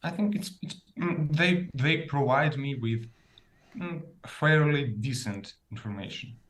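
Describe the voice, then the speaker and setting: Here a Russian-accented man from Russia, native in Russian, chats hesitantly about himself as a learner in a club, often hunting for words. His voice is mid-range and a bit bright, delivered at a measured pace.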